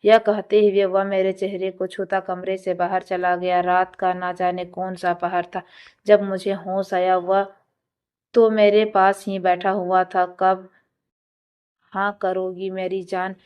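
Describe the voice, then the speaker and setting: A woman narrating a dramatic story in the first person, with a steady, even reading. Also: medium pitch, measured pace, clear, resonant tone, dull audio.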